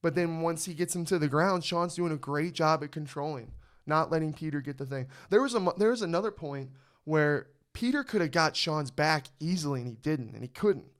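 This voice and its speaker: A young man hosting a podcast, chatting excitedly and swearing freely about a fight. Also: fairly high pitch, a little fast. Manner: excited, profane sports fan talk. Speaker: podcast host. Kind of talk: casual chat.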